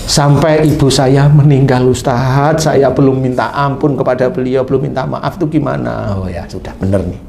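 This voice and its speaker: A man preaching a slight touch, telling a story in a lively way. His voice is mid-pitched, and he acts out both sides of a conversation. Faint room noise sits behind him. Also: normal speed, creaky, hardly any pauses. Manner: animated, acts out dialogue with a patient. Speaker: Islamic preacher. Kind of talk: sermon storytelling.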